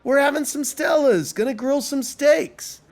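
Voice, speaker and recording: A man's voice: on the high side, very animated, slow pace, pitched below the performer's own voice. A man doing a cheery host inviting guests up. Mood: cheerful. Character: friendly young Brooklyn man hosting a cookout.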